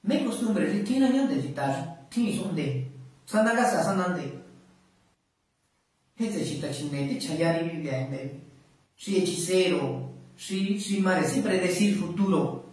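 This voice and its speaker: A man's voice: high voice, expressive, takes it slowly, a little mellow. A man preaching a sermon, switching between Mazatec and Spanish, with rising questions and lots of repetition. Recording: echoey room, voice far from mic.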